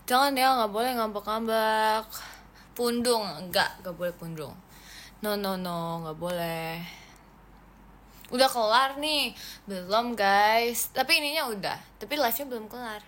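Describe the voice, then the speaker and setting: A young woman from Indonesia chats casually on a livestream. Her voice sits high and sounds bright and sharp. She is playful and pouty, tossing in English phrases, over a faint hiss. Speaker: idol livestream host. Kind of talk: casual livestream chat with viewers.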